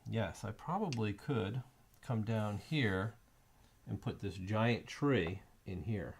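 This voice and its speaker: A man's voice: on the low side, slow, a little hiss or hum. A middle-aged man chatting casually as co-host of a live board game stream, thinking aloud and rambling with fillers. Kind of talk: casual chat while playing a board game. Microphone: streaming mic.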